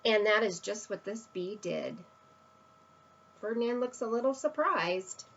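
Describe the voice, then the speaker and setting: Reading a children's picture book aloud, a woman uses a medium-pitched, slightly bright voice with lively intonation and a somewhat slow pace. The sound is lo-fi, and she speaks expressively, emphasizing words and addressing young listeners in asides.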